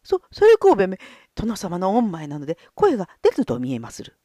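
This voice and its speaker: A woman plays a greedy peddler who calls to crowds in a high, fawning, lively voice, all sales pitch and flattery. The recording is dry and close. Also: measured pace, no room sound, full character voice. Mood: pleading. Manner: shrill, fawning, hawker's calls.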